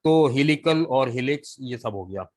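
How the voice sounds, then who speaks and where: A man's voice: mid-range voice, lively intonation, moderate pace, a little mellow, low-quality recording. Pakistani man teaching an online class. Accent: Pakistani Urdu. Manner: explains step by step, asks students questions. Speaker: English vocabulary teacher. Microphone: video call.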